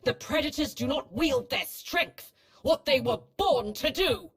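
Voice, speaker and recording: In scripted video game acting, a woman portrays a cold, ruthless Sith research hologram with formal, clinical detachment. Her voice sits high and sounds animated, moving a little slowly.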